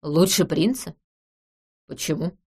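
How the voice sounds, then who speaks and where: A woman reading an audiobook, voicing a composed nobleman with a dry, wry, measured way of talking. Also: low voice, mellow, husky, exaggerated voice.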